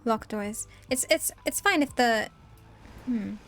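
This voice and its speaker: A woman's voice: on the high side, lively intonation, slow, a bit bright. A woman streaming a game roleplay as a police officer, easygoing and agreeable, talking to her chat.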